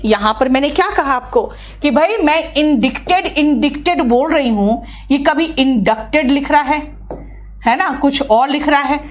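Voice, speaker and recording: Middle-aged woman teaching online, highish voice, keeps calling students beta. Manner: talks to her students as "beta", coaxing and explaining step by step. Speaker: English teacher. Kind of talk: online class explaining vocabulary.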